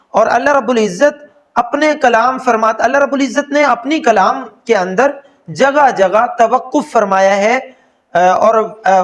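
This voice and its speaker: A man with a Pakistani Urdu accent giving an online Quran lesson, explaining patiently and slowing down to recite examples. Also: very high-pitched, fairly bright tone. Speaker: Quran teacher.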